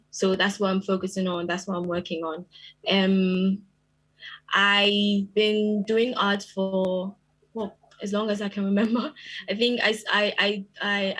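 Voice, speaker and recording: A woman, a visual artist on a panel, speaking haltingly with frequent restarts. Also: mid-range voice, fairly bright tone, rough recording. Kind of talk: panel talk.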